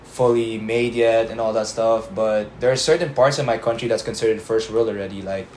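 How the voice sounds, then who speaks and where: A young man from the Philippines, a college student, answering interview questions in a relaxed way with frequent um fillers. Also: fairly low pitch. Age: young adult. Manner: relaxed, many um fillers and slow pauses. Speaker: interview guest. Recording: roomy echo, faint background noise.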